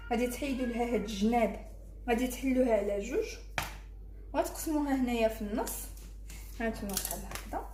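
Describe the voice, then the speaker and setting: A woman's voice: fairly high pitch, echoey room, noisy background. A woman with a Moroccan Arabic accent hosting a cooking tutorial, talking viewers through each fold as she works. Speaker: cooking channel host.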